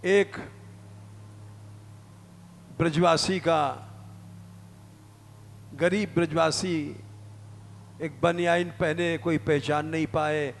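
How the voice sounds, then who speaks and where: A man's voice: on the high side, steady tone, extremely slow, gravelly, long pauses, slight background noise. An older man, preaching a devotional story earnestly in a temple hall. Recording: live hall reverb, faint ambience.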